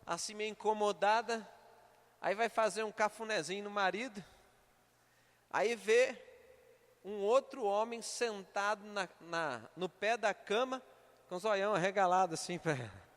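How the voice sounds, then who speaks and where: Male pastor, Minas Gerais Brazilian accent, lively storytelling sermon, high voice, long church-hall reverb. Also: measured pace. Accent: Brazilian Portuguese, Minas Gerais. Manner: lively storytelling, then urgent exhorting.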